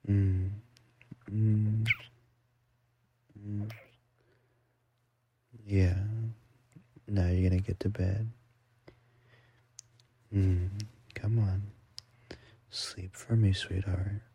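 A man speaking in a soft, affectionate ASMR roleplay, murmuring in a breathy half-whisper as he lulls someone to sleep. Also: low-pitched, flat delivery, very slow, pauses often. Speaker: boyfriend roleplay ASMR performer.

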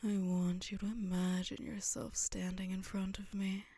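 A woman whispering a slow ASMR hypnosis roleplay, drawing out coaxing commands. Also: medium pitch, little pitch movement, mellow, breathy edge, no echo.

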